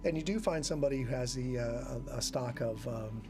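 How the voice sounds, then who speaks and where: A man narrating as game master, relaxed and pausing with fillers. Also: mid-range voice, music in the background.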